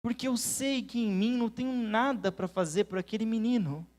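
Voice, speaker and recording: Earnest Brazilian pastor preaching. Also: male voice, brisk. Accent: Brazilian Portuguese. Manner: earnest storytelling, swings between loud emphasis and hushed low tones. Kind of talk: sermon with personal story. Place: church.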